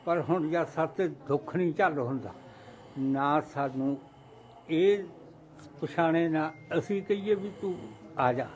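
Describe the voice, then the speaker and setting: A man's voice: fairly high pitch, measured pace, a little mellow, slight background noise. An older man, speaking as an interviewee, tearful and grieving as he talks about his daughter-in-law.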